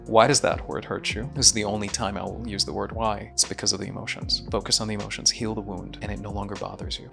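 A guest from Saudi Arabia, a mind researcher and coach, speaks in a reflective interview, earnest and introspective with small restarts. His voice is on the low side and creaky.

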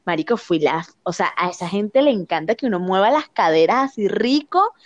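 A young woman with a Venezuelan accent tells a story in casual chat, animated and full of slang, laughing often. Her mid-range voice moves briskly, recorded without echo and with the highs cut off.

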